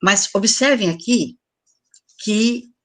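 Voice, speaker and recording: A woman's voice: medium pitch, slow, fairly bright tone. An older woman giving an online lecture to teachers, explaining examples and asking for the next slide. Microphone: video call.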